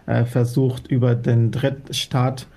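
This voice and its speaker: An earnest man from Afghanistan, whose first language is Dari, answers questions as a guest in a radio interview; he's a former interpreter. His gravelly, low-key voice has a dark, level tone and a slow pace, with many hesitation fillers.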